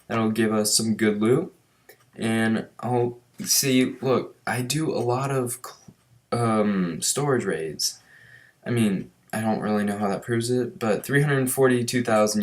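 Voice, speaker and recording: A young man casually commenting on his strategy-game raids, chatty and relaxed as he explains each move. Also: lowish voice. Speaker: gaming commentator.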